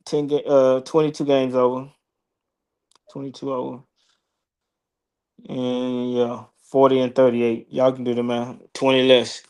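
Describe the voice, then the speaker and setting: A man's voice: medium pitch, level tone, a little slow, long pauses, a little mellow, clear, resonant tone, poor audio. A man co-hosting a live fantasy football stream, laid-back and joking, swearing freely and talking through his picks. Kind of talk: casual live-stream banter.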